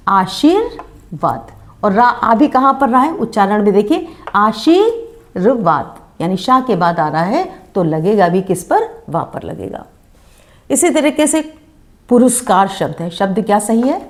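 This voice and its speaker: Woman, language teacher, lesson, asks then answers herself, slows to sound out words. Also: on the high side, a little mellow. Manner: asks and answers her own questions; slows down to spell out words syllable by syllable. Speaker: Hindi grammar teacher. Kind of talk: spoken lesson.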